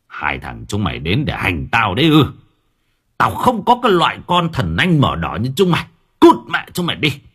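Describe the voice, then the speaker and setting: A man voicing a stern, hot-tempered village teacher yelling at his sons and wife. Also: mid-range voice, huge pitch swings, very fast, hardly any pauses, husky, heavily acted. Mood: enraged. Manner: scolding, yelling insults.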